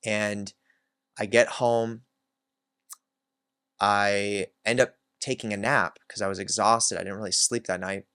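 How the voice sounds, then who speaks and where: A man's voice: lowish voice, flat delivery, a little slow, long pauses, bright, forceful tone, smooth, dry recording. A man hosting his own channel, candidly telling a personal story in a reflective way, with many filler words. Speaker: self-help channel host.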